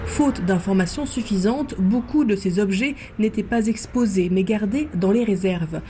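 A woman radio reporter narrating a news report in a measured, even way. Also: medium pitch, a little hiss or hum.

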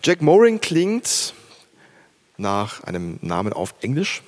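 Speaking slowly at medium pitch, a male concert host lets his pitch swoop wildly. He's upbeat throughout, announcing performers, prompting applause, and questioning a student onstage.

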